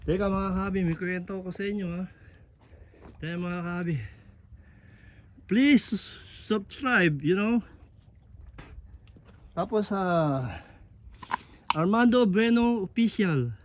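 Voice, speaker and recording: A man vlogging outdoors on a rocky shoreline at low tide, talking chattily to his viewers and slightly out of breath. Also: slow pace, pauses often, slight background noise. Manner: chatty, repetitive, addresses viewers constantly. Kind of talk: casual on-the-spot vlog narration. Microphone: camera on a tripod.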